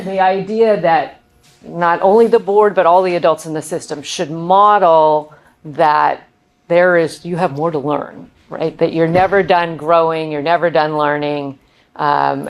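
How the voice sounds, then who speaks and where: A woman with a somewhat low voice leads a board retreat in a meeting room. She sounds upbeat and encouraging, prompting the group and thinking out loud as she goes. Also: steady tone, a little slow, low-quality recording. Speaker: retreat facilitator. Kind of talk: guiding a group discussion.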